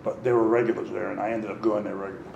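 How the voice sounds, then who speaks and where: A middle-aged man telling his recovery story at a meeting, candid and animated, acting out what others said. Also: on the low side, rapid-fire, creaky, echoey room, lo-fi sound, background noise. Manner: candid, animated, acts out quotes. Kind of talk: personal storytelling.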